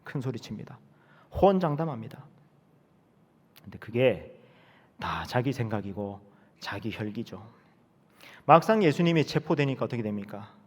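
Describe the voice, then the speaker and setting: A male pastor preaching a sermon, telling the story dramatically and moving between loud and hushed delivery. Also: mid-range voice, animated, normal speed, pauses often. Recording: reverberant church hall.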